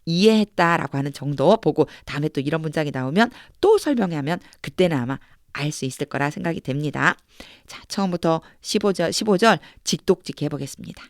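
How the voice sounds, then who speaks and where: A woman English teacher giving a Bible reading lesson. She reads the verses slowly in short chunks and explains them in a patient, plain tone. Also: sits low, animated, dry recording, clean studio sound.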